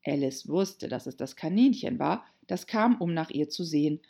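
A woman narrating a children's storybook in an expressive reading voice. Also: low-pitched, moderate pace, gravelly, slightly rough.

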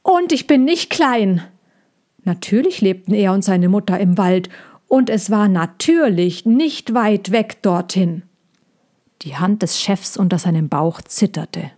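Slow, measured woman reading a storybook. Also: medium pitch, dark tone. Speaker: narrator.

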